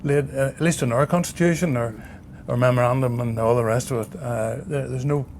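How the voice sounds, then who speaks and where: Man, medium pitch, conversational interview answers, repeats himself, faint ambient noise. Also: brisk, a little mellow. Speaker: president of a national radio society. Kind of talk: casual interview chat. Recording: faint room ambience behind.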